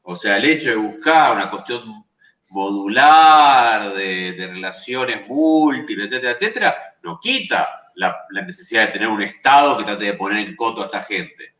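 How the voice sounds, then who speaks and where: Lively man in an echoey room. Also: fairly low pitch, normal speed. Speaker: panelist. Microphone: video call. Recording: roomy, distant from the mic.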